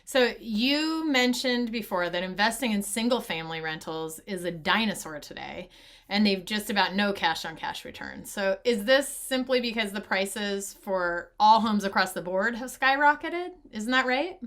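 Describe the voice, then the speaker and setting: A woman's voice: mid-range voice, lively intonation, normal speed, a bit bright. A woman interviewing a guest, asking questions and reacting briefly to prompt him on.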